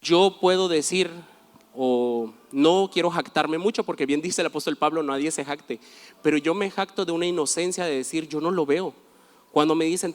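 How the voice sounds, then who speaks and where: A man pastor preaching a sermon, telling stories with animated quoted voices. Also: fairly high pitch, big-room sound.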